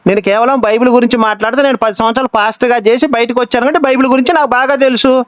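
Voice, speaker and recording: A man's voice: very high-pitched, fairly even intonation, racing, clean tone, dry recording, muffled recording. A man hosting a call-in show who argues hotly with a caller and hammers him with the same rhetorical questions again and again. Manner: combative, fires repeated rhetorical questions. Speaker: host taking a phone call. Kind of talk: heated phone argument.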